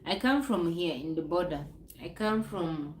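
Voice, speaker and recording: A woman's voice: lowish voice, expressive, unhurried, a little mellow, roomy sound, slight background noise, low-quality recording. A woman from Uganda, chatting casually on her live stream, rambling and repeating herself. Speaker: livestream host. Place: noisy home with kids nearby.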